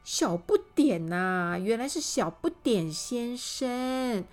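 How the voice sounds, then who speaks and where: A woman reading a children's storybook aloud, animated and speaking directly to the little listeners. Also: fairly high pitch, slow pace, faint music behind.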